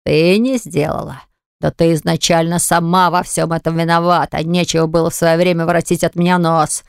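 Reader doing a low slow creepy thug guy, gravelly, sneering. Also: flat delivery, dry recording, clean studio sound. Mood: menacing. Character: menacing crude male thug, smug and threatening.

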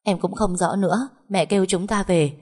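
A woman's voice: mid-range voice, normal speed, darkish tone, close to an everyday voice. Woman voicing an anxious young wife. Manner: anxious, urgent questioning. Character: worried young married daughter, caring peacemaker.

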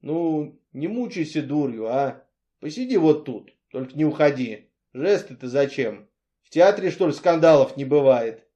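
A man's voice: a little high, lively intonation, unhurried, warm tone, lo-fi sound. A man voicing a harried middle-aged man who mutters and coaxes in an audiobook. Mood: coaxing. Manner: muttering, exasperated, coaxing.

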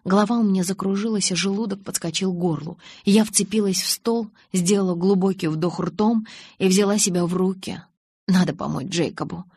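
A woman narrating an audiobook in the first person, with a lively, expressive way of reading the dialogue. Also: mid-range voice, fairly quick, breathy edge, no room sound.

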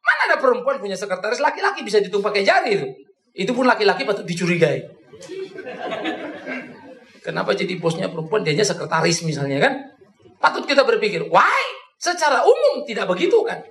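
A man preaching a sermon, animated, swinging between soft and loud, joking and acting out his own old quarrels. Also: high-pitched, fast, pauses often, reverberant, noisy background. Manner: jokes and acts out his own past quarrels.

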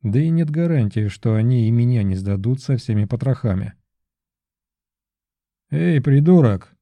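A man narrating a fantasy audiobook in a measured, steady storytelling manner. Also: mid-range voice, no echo.

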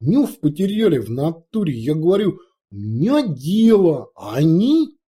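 A shrill crude orc brute. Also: male voice, sing-song, a little slow, breathy edge, exaggerated voice. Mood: indignant. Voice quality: high strained shouting, coarse street slang. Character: brash loud male orc warrior, crude.

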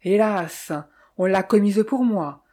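A woman with a mid-range, dark-toned voice reads audiobook dialogue slowly, voicing a worried young male clerk who acts as an amateur detective.

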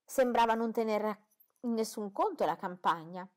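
A woman reading an audiobook, voicing a fussy, boastful middle-aged mother who talks in a gushing, indignant way. She sounds a little higher and louder than her narration. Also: moderate pace, close to an everyday voice.

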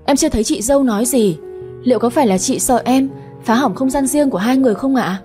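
A woman's voice: on the high side, quick pace, dark tone, faint music behind, natural voice. A woman voicing a jealous young village woman who speaks in a whiny, reproachful way. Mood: sulky.

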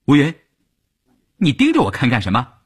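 A man voicing a shrill shouting woman cadre. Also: huge pitch swings, normal speed, breathy edge, full character voice. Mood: stern. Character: indignant middle-aged woman cadre, shrill accuser.

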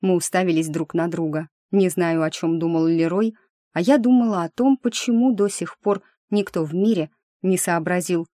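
A woman's voice: fairly low pitch, mellow, no echo, studio quality. Woman narrating a fantasy audiobook. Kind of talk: scripted first-person narration.

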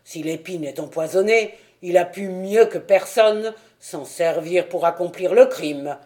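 A man's voice: high-pitched, a little slow, dark tone. A man reading the part of a stout, self-assured police detective who speaks in an important, sour tone. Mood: self-satisfied.

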